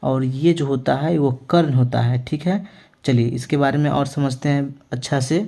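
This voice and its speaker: A male maths teacher explaining a lesson to students, asking them questions and answering them himself, often checking in with "okay" as he writes out words slowly. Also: mid-range voice, vocal fry, mellow. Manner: ends phrases with a reassuring check-in. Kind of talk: classroom-style lesson.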